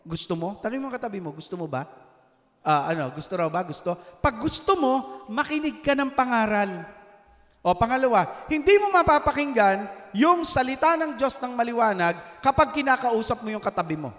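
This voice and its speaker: A man with a Filipino accent preaching a sermon in a church, animated and teasing, asking the congregation questions and switching between Tagalog and English. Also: very high voice, fairly quick, long reverb tail. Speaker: pastor. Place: church hall.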